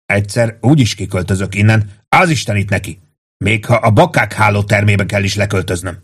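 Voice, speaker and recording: Guy doing a touchy army sergeant, shouty and indignant, low husky voice pushed up high. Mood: shouting angrily. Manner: shouting, indignant, raised pitch.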